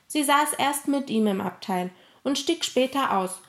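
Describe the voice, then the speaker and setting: A woman reading a storybook voices an angry boy who shouts and pleads, close to tears. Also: on the high side, lively intonation, moderate pace, pitched above the performer's own voice. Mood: indignant.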